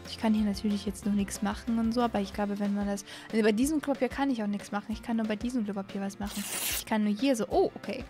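A young adult woman hosts a gaming video, chatting casually over a let's-play in a very high, excitable voice full of exclamations. She's in a small indoor streaming room, using a close desk microphone on an arm. Faint music plays in the background.

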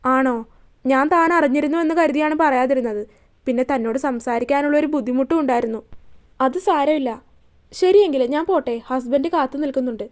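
A woman's voice: sits high, brisk, lightly acted. A woman reading a story aloud, voicing a married woman teacher who speaks politely.

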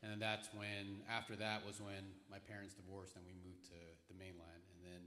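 A man in his thirties, a pastor from the Philippines, telling his story in a relaxed way with many fillers, speaking on a church stage into a handheld mic. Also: low-pitched, normal speed. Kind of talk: answering questions on stage. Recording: echoey hall with long reverb.

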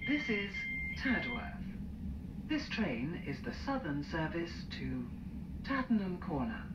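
A woman's prerecorded train announcements, with words spliced together and played over a distant carriage loudspeaker. Her voice sits low and swings widely in pitch, and the uneven joins between clipped phrases are easy to hear. The sound is dull and echoey, buried under loud rumble from the moving train. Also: very animated, slow. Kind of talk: automated onboard announcements. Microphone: recorded off the carriage speaker. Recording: train loudspeaker taped from afar, noisy.

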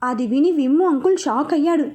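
High-voiced woman telling a story. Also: quick pace. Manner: lively expressive reading. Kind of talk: serialized story narration.

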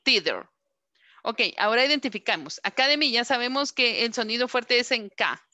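A woman's voice: on the high side, expressive, fairly quick, pushed and bright. A woman English teacher giving an online class, patiently repeating words for students to echo. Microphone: computer microphone on a video call.

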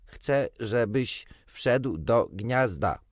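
A man voicing an exhausted, irritable bird that speaks slowly, loudly and over-clearly. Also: medium pitch, animated, no echo, studio quality. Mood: pleading. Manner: slow, loud, overly clear.

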